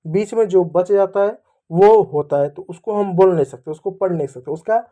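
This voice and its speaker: High-voiced male teacher, mellow tone. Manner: patient, repeats sounds slowly for children. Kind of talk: children's reading lesson.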